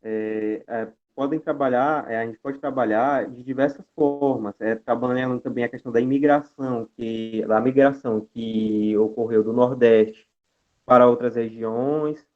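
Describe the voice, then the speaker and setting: Young Brazilian man, mid-pitched, guest lecturer presenting over a video call; hesitant delivery full of filler sounds and restarts, audio thin and phone-like. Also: steady tone, unhurried. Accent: Brazilian Portuguese. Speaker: guest speaker.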